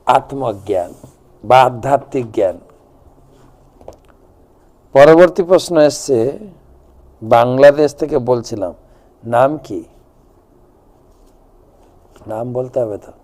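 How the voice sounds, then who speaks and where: Slow, mellow-voiced man teaching devotion. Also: mid-range voice. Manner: slow, measured, chants Sanskrit verses and mantras. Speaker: spiritual teacher answering viewer questions. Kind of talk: devotional question-and-answer talk.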